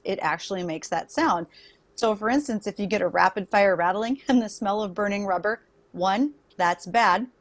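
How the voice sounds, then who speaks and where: A woman's voice: mid-range voice, no echo. A woman co-hosting a farm radio show in a casual, playful, chatty way.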